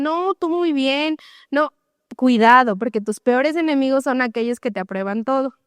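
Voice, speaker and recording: A woman's voice: high voice, fairly bright tone, dry recording, clean studio sound. A young adult woman pastor with a Mexican accent, preaching a conversational sermon and often checking in with "¿verdad?". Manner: conversational, tags questions with "¿verdad?", acts out everyday dialogues.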